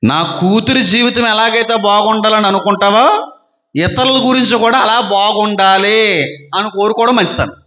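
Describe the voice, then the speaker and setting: Male pastor, high bright voice, emphatic sermon delivery, repeats his points in lists, echoey room. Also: moderate pace. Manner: acts out quoted gossip in other voices.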